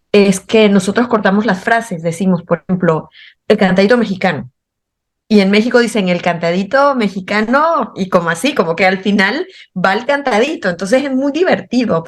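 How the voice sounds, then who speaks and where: An effusive, expressive woman speaking with a Nicaraguan accent. She chats as a guest author in an interview, her voice sitting at an ordinary middle pitch. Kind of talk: casual interview chat.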